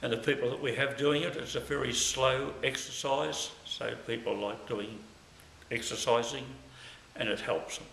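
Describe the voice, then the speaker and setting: An older man in his sixties with a gravelly, earthy voice introduces himself plainly and earnestly. The room rings around him and a faint hiss sits under the recording. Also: medium pitch, fairly even intonation, normal speed, fairly bright tone, roomy sound, poor audio. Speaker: community centre member. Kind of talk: short on-camera introduction. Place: indoor room, plain wall.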